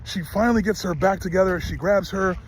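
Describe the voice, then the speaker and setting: A man's voice: high voice, brisk, a little hiss or hum. A middle-aged man retelling a story about his horse in a casual vlog, earnest and emphatic, often restarting his sentences. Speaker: horse owner vlogger.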